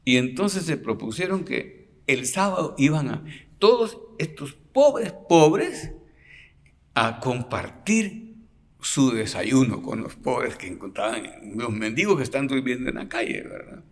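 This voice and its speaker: Priest, man, storytelling sermon, gravelly voice, whispers at touching moments, reverberant hall. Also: mid-range voice, normal speed, a bit bright. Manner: storytelling, often adds a questioning "¿verdad?". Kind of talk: retreat sermon. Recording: long reverb of a large hall.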